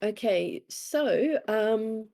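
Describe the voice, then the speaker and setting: With a high, animated voice and a dark tone, a woman with a New Zealand accent speaks extremely slowly as an interviewed author. Casual, candid and self-deprecating, she acts out lines of dialogue as her stories unfold.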